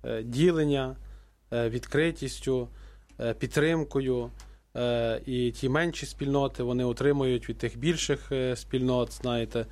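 Hesitant priest on a radio show. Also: male voice, mid-range voice, steady tone, measured pace, a little mellow. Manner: hesitant, many fillers and restarts. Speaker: priest guest. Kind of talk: radio talk-show answers.

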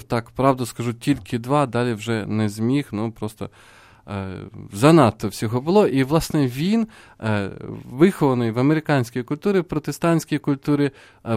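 A man, a priest, explaining faith calmly on a radio talk show, with many pauses and fillers. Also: medium pitch, no room sound, clean studio sound. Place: radio studio. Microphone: studio mic.

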